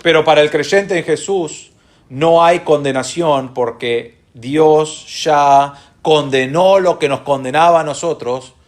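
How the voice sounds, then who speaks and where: A man with an Argentine accent preaching a sermon as pastor, earnestly slowing down to stress key phrases and putting rhetorical questions to the congregation. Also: fairly high pitch. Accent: Argentine Spanish.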